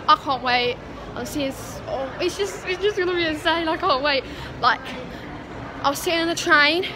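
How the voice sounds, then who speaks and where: A British woman chatting straight into a handheld camera, gushing and repeating herself with excitement. Her voice sits a touch high. Steady noise runs under the recording. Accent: British English. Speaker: vlogger. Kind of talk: casual vlog to camera. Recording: noisy handheld vlog audio.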